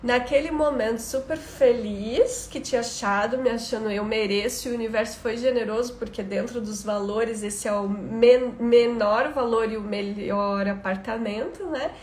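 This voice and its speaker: A woman's voice: on the high side, steady tone, normal speed, few pauses, darkish tone. A woman giving an emphatic live coaching talk through personal stories, often putting questions to her listeners. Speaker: online self-development coach. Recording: echoey room, faint background noise.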